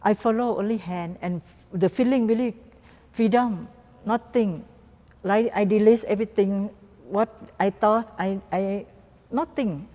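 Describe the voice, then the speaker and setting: A female guest artist and doll maker from Thailand answers interview questions in simple, broken English with a Thai accent. Her mid-range voice is mellow, and she speaks in short, halting phrases with non-native grammar, repeating words. The recording carries long room reverb.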